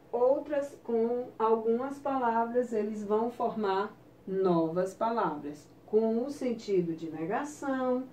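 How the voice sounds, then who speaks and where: A woman teacher with a Brazilian Portuguese accent explains a lesson slowly and patiently, checking understanding as she goes. Her voice is dark and mellow. She is recorded off-mic in a roomy space with faint background ambience. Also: medium pitch, recorded from a distance, slight background noise. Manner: slow, patient explaining with frequent check-ins. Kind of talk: recorded online class lesson.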